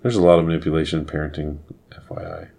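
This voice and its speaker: A man co-hosting a casual family podcast as a father, with dry, low-key humor. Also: very animated, racing, gravelly, dark tone.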